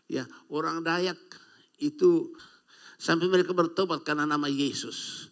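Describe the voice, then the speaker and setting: Older indonesian guy preaching, kinda high voice, lots of amens. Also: steady tone, normal speed. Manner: call-and-response preaching with frequent amens. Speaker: pastor. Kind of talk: sermon.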